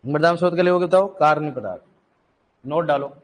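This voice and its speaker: A man's voice: on the high side, a little fast. A male agriculture teacher lecturing a classroom in with a tinge, quizzing students and repeating key answers, joking now and then.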